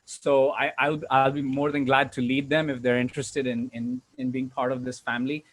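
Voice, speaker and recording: On a noisy group video call where the level keeps shifting, a Hong Kong man who trains and coaches public speakers gives a sincere, enthusiastic testimonial about himself. He speaks in a mid-range voice at a moderate pace, with little pitch movement.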